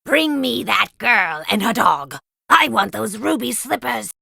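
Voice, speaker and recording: A woman's voice: fairly high pitch, sing-song, unhurried, vocal fry, pushed and bright, breathy edge, no room sound, heavily acted. A woman voicing a cruel, gloating wicked witch from a storybook, with a harsh shrieking voice and menacing theatrical delivery. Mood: commanding.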